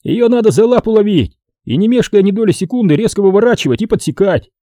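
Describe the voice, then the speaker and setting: A man voicing a cocky, coarse male adventurer who talks loudly and mockingly. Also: high voice, expressive, fast talker, dry recording, clean studio sound, voice pushed up. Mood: brash. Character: brash rough-talking male adventurer, cocky.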